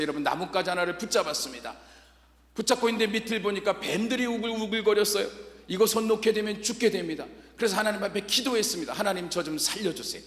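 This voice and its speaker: Male pastor, revival sermon, high lively pitch, dramatic hushed-to-shouted delivery, roomy church reverb. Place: large church sanctuary. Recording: echoey church hall reverb.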